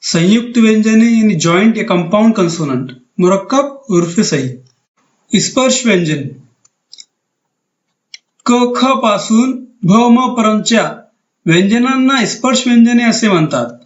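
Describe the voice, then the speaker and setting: A man's voice: high-pitched, expressive, a little slow, reverberant, muffled recording. A man teaching a grammar lesson over slides, patient and methodical, repeating each term with synonyms.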